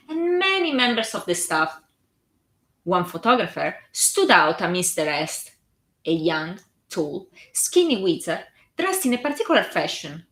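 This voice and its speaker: A fan fiction reader and live streamer with a strong Italian accent reads a story aloud on her stream, adding chatty, self-conscious asides. Her voice is medium in pitch and a bit bright.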